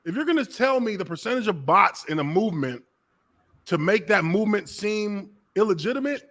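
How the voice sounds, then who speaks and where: A man's voice: sits high, expressive, a little fast, fairly bright tone. A man as a panel guest talking in emphatic casual chat and swearing freely. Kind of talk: casual live-stream chat.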